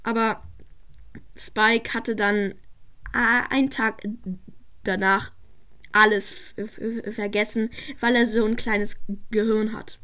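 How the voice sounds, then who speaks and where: Young female narrator, slow, stuttery, slightly high. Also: flat delivery, pushed and bright. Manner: slow, stumbling with repeated syllables. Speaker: narrator and channel host. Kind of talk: improvised toy story narration.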